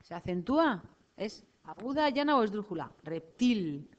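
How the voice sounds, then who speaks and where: A woman teacher tutoring a single pupil in a patient, prompting way, often echoing words back to her. Her voice sits at a middle pitch. The recording is dull and lo-fi. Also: sing-song, moderate pace, slight background noise. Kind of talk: one-on-one spelling lesson.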